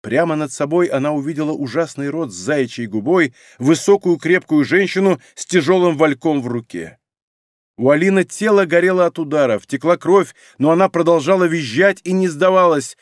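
A man reading a novel aloud in an expressive, dramatic audiobook narration. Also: on the high side, moderate pace, no echo, clean studio sound. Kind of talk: scripted narration. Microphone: studio microphone.

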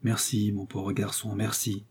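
A man's voice: fairly low pitch, flat delivery, measured pace, breathy edge. A man doing a grim, commanding nobleman. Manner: imperious, curt.

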